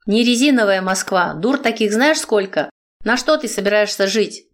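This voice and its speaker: A woman reading an audiobook, voicing a bossy middle-aged godmother who scolds coarsely and loudly. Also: mid-range voice, moderate pace, lightly acted. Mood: scolding.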